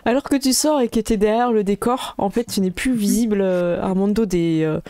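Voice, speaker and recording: A woman's voice: mid-range voice, moderate pace, warm tone, dry recording. Laughing French-speaking game master woman. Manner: laughs often, explains rules with many fillers. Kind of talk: casual tabletop game narration.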